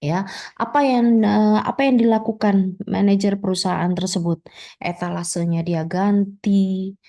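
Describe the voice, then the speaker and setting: A woman's voice: mid-range voice, steady tone, a little slow, mellow. A woman lecturer explaining with everyday examples in a conversational teaching style, acting out the people involved. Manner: conversational, many fillers and restarts, acts out examples.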